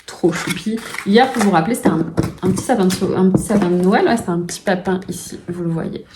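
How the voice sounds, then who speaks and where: A woman vlogging casually at home, gushing with excitement and often restarting with fillers. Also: on the low side, fast, background noise. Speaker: puzzle vlogger. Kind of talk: casual vlog chat.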